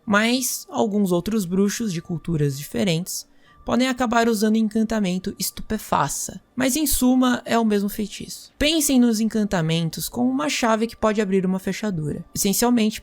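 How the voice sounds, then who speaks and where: A woman playing a magic teacher, lecturing students in a measured, explanatory way. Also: mid-range voice. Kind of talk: scripted role-play lecture.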